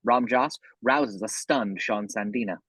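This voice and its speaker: A man with a husky voice reading scripted horror narration, describing the action scene by scene. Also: on the low side, measured pace, fairly bright tone, no echo.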